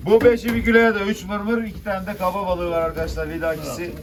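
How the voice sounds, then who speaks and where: Casting: male auctioneer, high voice, chanting bids to buyers, picked up from a distance. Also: flat delivery, quick pace. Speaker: fish auctioneer. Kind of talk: auctioneer calling out bids to a crowd. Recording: distant noisy mic with clicks, birds.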